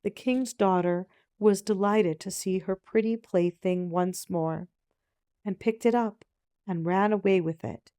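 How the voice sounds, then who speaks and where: A woman narrating a fairy tale in a gentle storybook-opening manner, with measured, unhurried phrasing. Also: medium pitch, fairly even intonation, no echo, studio quality.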